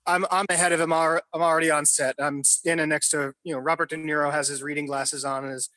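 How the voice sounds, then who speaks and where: Speaking quickly with little pitch movement, a thirty-something New Yorker recounts film-set stories from his apartment. He is a guest in a casual interview, working in the film industry, and his talk is loose and full of fillers, with occasional swearing. The tone is a little high, bright and forceful, with no reverb.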